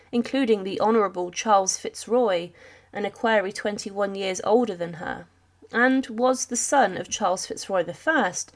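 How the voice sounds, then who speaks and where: Woman narrating a sombre history video. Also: a little high.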